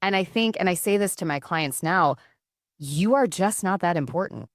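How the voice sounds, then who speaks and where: A woman's voice: on the low side, lively intonation, moderate pace, no room sound, studio quality. A middle-aged woman, a counsellor, talking earnestly and reflectively as a podcast guest. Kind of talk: casual podcast conversation.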